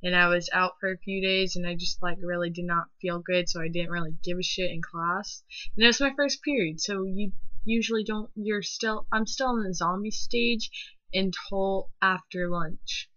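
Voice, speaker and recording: A woman's voice: on the low side, fairly even intonation, moderate pace, pushed and bright, no room sound. A teenage girl ranting to her laptop, profane and sarcastic. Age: teens. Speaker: vlogger. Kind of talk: ranting vlog. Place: indoors at a laptop. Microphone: laptop mic. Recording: dull lo-fi laptop audio.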